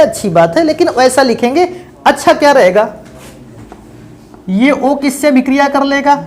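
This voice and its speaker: A man's voice: very high voice, slight background noise. A man teaching chemistry in a lecture. He calls his students beta and bhaiya and keeps asking questions and answering them himself. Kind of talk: classroom lecture.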